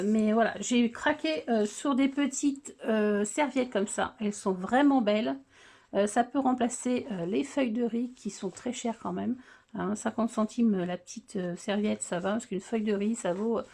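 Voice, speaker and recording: A woman's voice: a little high, a little mellow. A middle-aged woman in casual chat, showing off her craft purchases on her video channel and talking hesitantly, with many filler sounds and restarts. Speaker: scrapbooking vlogger.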